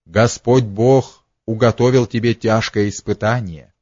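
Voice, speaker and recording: A man voicing a gentle, solemn old monk elder who speaks quietly and tenderly. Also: mid-range voice, slow, dry recording, dull audio.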